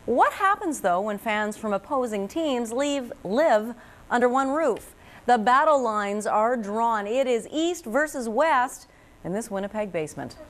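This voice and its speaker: A woman's voice: on the high side, expressive, unhurried. A woman with a Canadian accent anchoring TV news in a folksy, chatty, playful way. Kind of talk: scripted TV news narration.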